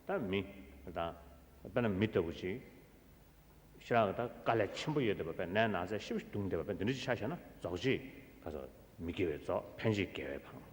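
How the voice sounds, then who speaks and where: A Tibetan man with a Tibetan accent teaches philosophy in a very deep voice that swings widely in pitch. He is heard in a long, echoing hall. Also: lively intonation, a little fast. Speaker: Buddhist teacher. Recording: echoey hall with background noise.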